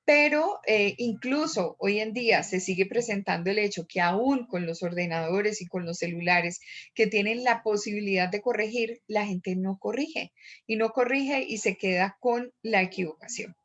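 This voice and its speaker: A woman's voice: mid-range voice, normal speed. Woman teacher giving a lecture, lots of ums and ehs, kinda dull muffled audio. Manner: explanatory, with frequent fillers.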